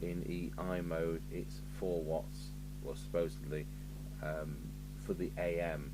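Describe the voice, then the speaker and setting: The speaker is a man from the UK who vlogs about radio repair, musing matter-of-factly as he demonstrates at his indoor bench. His voice sits low and his pace is slow, with a steady hum running through the noisy recording.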